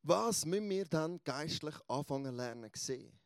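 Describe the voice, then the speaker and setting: High-voiced preacher. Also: male voice, moderate pace, smooth, no echo. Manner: animated storytelling, emphatic. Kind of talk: sermon.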